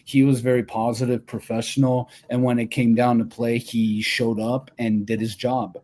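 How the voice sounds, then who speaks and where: Mellow-voiced man in casual sports chat. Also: mid-range voice, level tone, moderate pace. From Albania. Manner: rambling, many fillers and restarts. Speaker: co-host.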